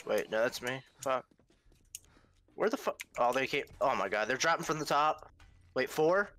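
A man's voice: mid-range voice, lively intonation, moderate pace, a bit bright, a little hiss or hum. A young man chatting casually while playing a co-op game, laughing and joking often. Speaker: gamer. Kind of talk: casual co-op gaming chat.

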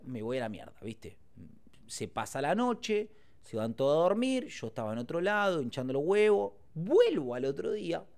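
A young Argentine man telling a casual story as a podcast host, slangy and rambling with frequent filler tags. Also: mid-range voice. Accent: Argentine Spanish.

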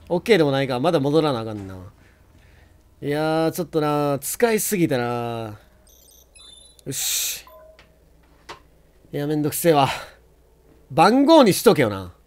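Young male let's-play commentator, Kansai accent, high and animated, excitable and taunting. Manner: excitable, yells and taunts at enemies. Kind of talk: gameplay commentary.

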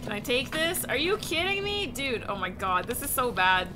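A woman's voice: high-pitched, very animated, normal speed, background noise. A young woman streaming a horror game, jumpy and exclamatory, swearing as she plays. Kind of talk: live horror game commentary. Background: game music.

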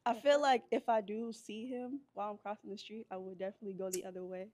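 A woman's voice: medium pitch, fairly even intonation, fast talker, a little mellow. A woman from Atlanta, a contestant giving blunt, teasing answers.

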